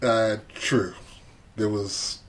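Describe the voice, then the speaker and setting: A man's voice: fairly low pitch, very slow. Easygoing man talking football. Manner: relaxed, hesitant with many fillers. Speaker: podcast co-host. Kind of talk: casual sports chat.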